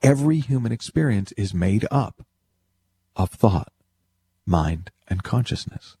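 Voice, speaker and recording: A man with a lowish, mellow, husky voice speaks expressively and without hurry in a dry recording. He teaches spiritual principles through an explanatory motivational talk, addressing the listener directly with emphatic phrasing and rhetorical questions.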